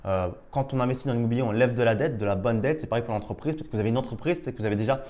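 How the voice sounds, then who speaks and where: A man's voice: mid-range voice, racing, darkish tone. A man teaching stock investing over a screen-share, explaining step by step with frequent hesitations. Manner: explanatory, many fillers and restarts. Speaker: investing educator.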